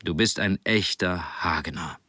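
A man voicing a proud middle-aged father in an audiobook, speaking slowly and fondly. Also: sits low, sharp tone, slightly rough, dry recording, heavily acted. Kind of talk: audiobook character reading.

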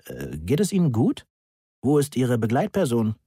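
A man's voice: medium pitch, wildly swooping pitch, moderate pace, warm tone, breathy edge, no room sound, studio quality. A man voicing a reserved middle-aged lecturer who hesitates with fillers. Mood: puzzled.

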